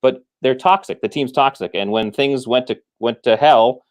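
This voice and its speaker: A man talking as a guest, explaining his ideas in a measured way with many restarts. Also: mid-range voice. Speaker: guest, former military trainer. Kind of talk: conversational explaining.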